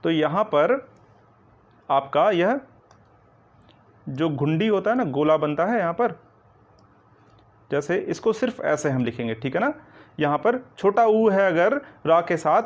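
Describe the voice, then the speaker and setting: A man with a fairly high voice teaches Hindi grammar in an online coaching lecture. He goes step by step, keeps checking in with the listener, and answers his own questions. The recording sounds dull and lo-fi. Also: big pitch swings, unhurried, pauses often. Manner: explains step by step, repeating "ठीक है ना" and asking questions back.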